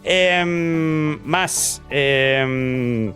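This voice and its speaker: A man's voice: on the high side, extremely slow, fairly bright tone, soft background music. Hesitant man hosting news commentary. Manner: hesitant, many fillers and restarts. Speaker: host.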